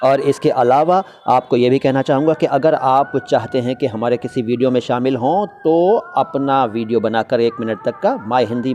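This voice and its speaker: A man's voice: mid-range voice, mellow, slight background noise. A middle-aged man giving a casual spoken lesson on Hindi and Urdu usage, repeating words to model how they should be said. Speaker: Hindi-Urdu language teacher.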